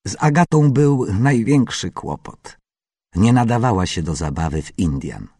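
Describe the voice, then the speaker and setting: A man reading a children's story aloud in a lively, playful way. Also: lowish voice, a little slow, breathy edge, no room sound, clean studio sound. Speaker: narrator.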